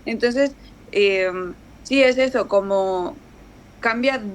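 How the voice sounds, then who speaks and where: A woman's voice: on the high side, slow pace, a little hiss or hum. A woman from Mexico with a northern Mexican accent, chatting casually as a guest and telling stories full of fillers. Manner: chatty, animated storytelling with many fillers. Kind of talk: casual conversation.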